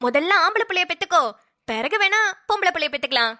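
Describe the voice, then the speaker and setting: A woman voicing a blunt, scolding elderly village mother in a cartoon, who talks in a loud, dramatic, nagging way. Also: very high-pitched, animated, quick pace, heavily acted. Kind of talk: cartoon voice acting.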